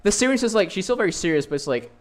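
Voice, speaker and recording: Young male game master, slightly high voice, halting improvised narration. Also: sing-song. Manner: hesitant, many restarts and fillers. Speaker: dungeon master.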